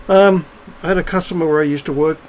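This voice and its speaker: A middle-aged man with a slightly high voice rants straight to camera in a loose, unscripted monologue. He is blunt and swears freely, wandering through thoughts with plenty of ums and restarts. A faint hiss sits under the recording. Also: rough recording. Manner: blunt, profane, rambling with many fillers and restarts. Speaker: video blogger.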